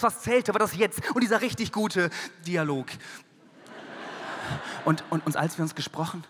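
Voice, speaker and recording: A man with a high, husky voice performs a rhymed spoken-word poetry slam, his delivery swinging dramatically from hushed to loud. He speaks into a stage microphone in a large concert hall, and a long reverb trails his words.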